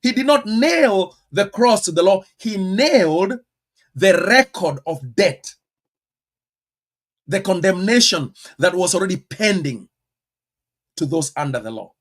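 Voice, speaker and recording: A Kenyan-accented pastor preaches a teaching sermon with a high, lively voice at a measured pace, leaving long pauses. He hammers key words, fires rhetorical questions, and swings from sudden loud bursts to quiet asides.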